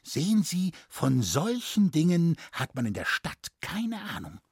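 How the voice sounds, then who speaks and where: A man's voice: a little high, wildly swooping pitch, measured pace, husky, dry recording, clean studio sound, voice pushed up, full character voice. A man voicing a naive, easily frightened city schoolmaster who speaks properly and stammers when shocked. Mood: anxious. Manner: fussy, stammering, proper speech.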